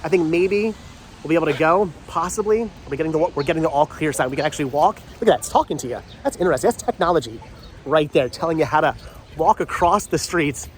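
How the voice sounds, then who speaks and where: Filming a walking tour vlog, a man chats eagerly as he heads down a rainy town street outdoors. His voice is on the high side, quick and lively in intonation, but stuffy and congested from a cold. The recording carries light street noise.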